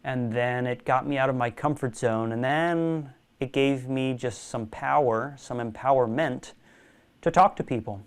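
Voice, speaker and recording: A young man, a magician guest in a casual interview, telling animated stories and laughing often. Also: mid-range voice, unhurried, smooth. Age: young adult.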